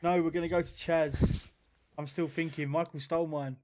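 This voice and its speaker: A man's voice: on the high side, level tone, normal speed, a little mellow. A man hosting casual chat on a gaming stream, teasing the others and moving the talk along. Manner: teasing, steers the conversation. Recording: noisy mic with clicks.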